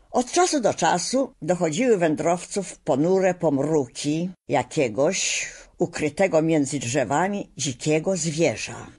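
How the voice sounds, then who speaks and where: A woman reading a children's storybook aloud at a measured pace. Her voice sits in a middle pitch but moves lively up and down to bring the story along. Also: husky. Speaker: audiobook narrator. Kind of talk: storybook narration.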